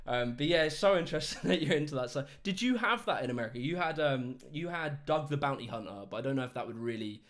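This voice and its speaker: A man's voice: mid-range voice, fast talker, hardly any pauses. A young British man hosting a casual chat, telling stories with lots of laughter. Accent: British English. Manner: animated storyteller, laughs often, does mock voices. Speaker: host.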